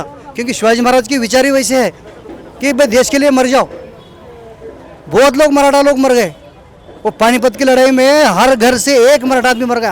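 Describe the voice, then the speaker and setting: A man being interviewed outdoors at a celebration, talking earnestly and repeating his points, with English words mixed into his speech. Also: very high voice. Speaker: local organizer interviewed at a celebration. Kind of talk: informal street interview.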